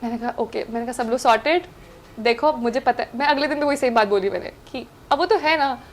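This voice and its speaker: A young woman talks as a guest on a chat show, telling her stories with lots of animation. Her voice sits high, and she slips English phrases into her speech and often laughs. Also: fast talker, slight background noise. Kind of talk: casual storytelling chat.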